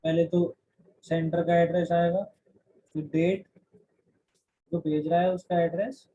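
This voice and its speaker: A man's voice: a little high, little pitch movement, measured pace, dark tone. A man teaching a class, explaining in Hindi mixed with English terms and often restarting his sentences. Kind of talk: classroom lecture. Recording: dull lo-fi recording.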